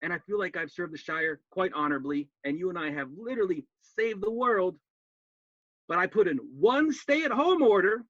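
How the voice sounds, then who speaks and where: A comedian playing a cheerful, earnest male hobbit gardener with a gravelly voice, chatting as if over a video call. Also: sits high, expressive, moderate pace, a bit bright, no echo. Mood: chatty. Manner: earnest, folksy, talking to a friend on a video call. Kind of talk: cosplay stand-up character bit. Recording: dull lo-fi dry sound.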